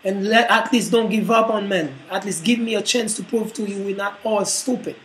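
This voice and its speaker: A man's voice: high-pitched, steady tone, normal speed, fairly bright tone, low-quality recording. A man hosting a casual, preachy monologue, speaking emphatically and rambling through his points. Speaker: host.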